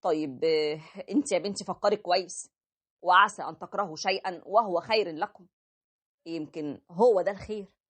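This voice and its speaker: A woman voicing a calm older sheikh giving religious advice, with an Egyptian accent. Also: fairly low pitch, a little fast, pauses often, husky. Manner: calm, preaching. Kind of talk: animated story voice acting.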